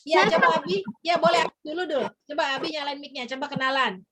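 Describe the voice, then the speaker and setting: A woman's voice: sits high, quick pace, a loud crowd. A woman teacher leads young children on a virtual field trip over a video call. She sounds cheerful and coaxing, and ends nearly every phrase with a questioning "ya". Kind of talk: online lesson for young children. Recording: noisy online call audio.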